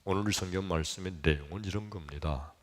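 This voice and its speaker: A man preaching a sermon as pastor, telling a childhood story in an animated way and acting out the people in it with sudden loud, high jumps. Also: brisk. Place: church sanctuary. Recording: long reverb of a church hall.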